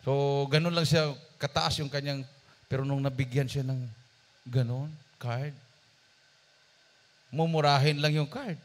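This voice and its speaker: Animated male preacher telling a story. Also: mid-range voice, measured pace, long pauses. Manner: animated, swings between loud emphasis and soft asides; addresses the congregation directly. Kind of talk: sermon storytelling. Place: church service.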